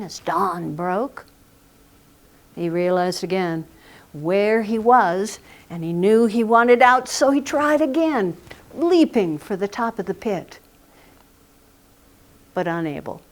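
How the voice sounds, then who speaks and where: A woman telling a folk tale live in a recording studio, dramatic and often dropping to a whisper. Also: mid-range voice. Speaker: storyteller.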